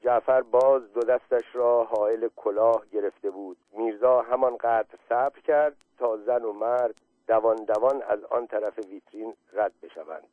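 A man's voice: on the low side, fairly even intonation, dry recording. Man reading a story over a phone line. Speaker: guest reader. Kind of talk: literary reading on radio. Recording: tinny phone-like line, dry.

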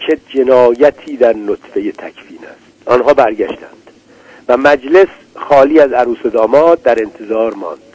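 A man reading a literary story aloud in a measured, deliberate way. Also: mid-range voice, darkish tone, a little hiss or hum, poor audio. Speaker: narrator. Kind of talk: literary audiobook narration.

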